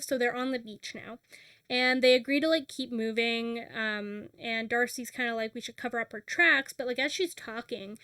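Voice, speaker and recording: A woman co-hosting a casual book recap, retelling scenes and quoting characters in a lively, rambling way with lots of fillers. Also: a little high, no room sound, clean studio sound. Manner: animated retelling, acting out characters' lines with filler words. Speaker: podcast co-host recapping a book.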